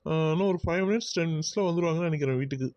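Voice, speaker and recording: A man's voice: fairly high pitch, racing, darkish tone, no room sound, dull audio, close to an everyday voice. A man voicing an exasperated young man in a cartoon who dodges talk of marriage. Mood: explaining. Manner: exasperated, groaning asides. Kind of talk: cartoon voice acting.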